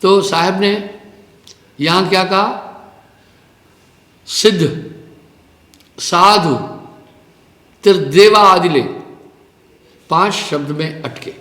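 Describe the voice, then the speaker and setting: A man's voice: high-pitched, extremely slow, long pauses, fairly bright tone. A man giving a live spiritual discourse as teacher, telling a parable and explaining language in a preaching, storytelling manner. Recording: echoey hall with long reverb.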